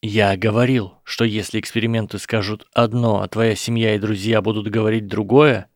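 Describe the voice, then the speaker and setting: A man voicing an earnest boy wizard who explains things in a measured, persuasive way. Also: lowish voice, level tone, dry recording, studio quality, close to an everyday voice. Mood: apologetic pleading. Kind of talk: audiobook character voice.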